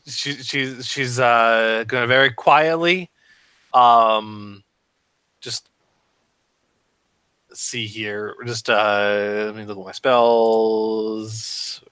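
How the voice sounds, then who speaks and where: A man with a crisp, bright voice talks slowly and haltingly as a tabletop game player. His hesitant, casual descriptions come through very dry. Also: lowish voice, steady tone, dry recording.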